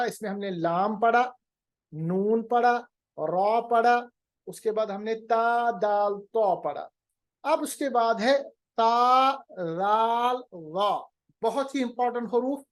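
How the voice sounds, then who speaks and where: A man teaching Quran recitation in a recorded video lecture, patiently drilling letter sounds slowly and repeating them. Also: extremely high pitch.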